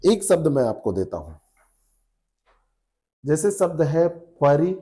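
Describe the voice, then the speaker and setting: Speaking a little slowly in a slightly high, sing-song, mellow voice, a male Hindi exam tutor walks students through spelling rules. Each rule gets patient repetition, and he checks that the class is following.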